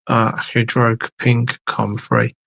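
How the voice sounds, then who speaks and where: A man livestreams from his home studio, rambling casually to viewers, dropping swear words and sometimes stumbling over what to say. He speaks slowly in a monotone, medium-pitched voice that's gravelly and a bit bright, with no echo.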